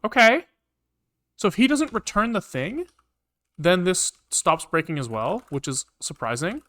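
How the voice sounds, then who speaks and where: A man with a high-pitched, fairly bright voice and big pitch swings speaks at a measured pace, with no echo. During his coding livestream he casually thinks aloud, mutters to himself, repeats phrases and swears from time to time, accompanied by keyboard typing and clicks.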